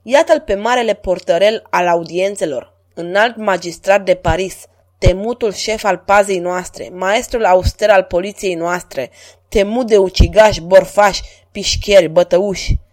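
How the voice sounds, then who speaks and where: A witty, sardonic court jester with a mocking tongue, as a woman reader puts him on. His jibes come quick and pointed, in a storybook voice with an uneasy edge. The pitch stays mid-range for a woman. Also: close to an everyday voice.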